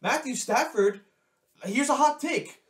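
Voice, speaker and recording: A man with an extremely high-pitched voice co-hosts a casual sports podcast at a measured pace, chatty and opinionated as he offers hot takes. The recording sounds echoey, as if he's distant from the mic in a reverberant room.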